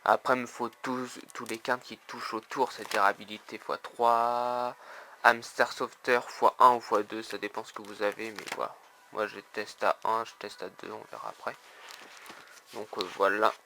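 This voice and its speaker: Brief: man, casual card-collector vlog, bright forward tone, halting delivery with a habit of repeating one filler phrase. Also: on the low side, level tone, a little hiss or hum. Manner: keeps repeating "donc voilà", a tic he admits to. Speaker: trading card collector showing his trade binder. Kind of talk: casual video chat.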